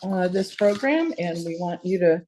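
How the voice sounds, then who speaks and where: A woman's voice: fairly low pitch, lively intonation, normal speed, darkish tone, slight background noise. A woman hosting an online town hall over a video call, chatty, with many fillers and restarts. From not from Georgia.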